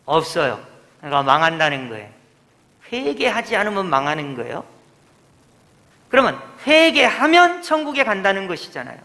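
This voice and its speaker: Guy pastor teaching a sermon, emphatic q-and-a style, bright high voice, echoey church hall. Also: sing-song, moderate pace, pauses often. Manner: emphatic, drills the congregation, asks and answers himself. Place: church sanctuary.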